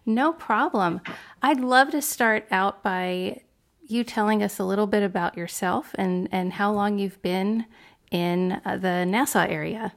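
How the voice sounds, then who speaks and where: A woman's voice: mid-range voice, measured pace, creaky. A woman in her fifties with a mid-range voice co-hosts a podcast interview. She is chatty and upbeat and talks directly to the listeners. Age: 50s. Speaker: podcast co-host.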